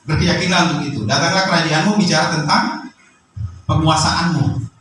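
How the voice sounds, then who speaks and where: A man pastor preaching a sermon, bursting into loud rising phrases and asking the congregation questions. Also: on the high side, fairly even intonation, moderate pace, very echoey, far from the mic, slight background noise, low-quality recording.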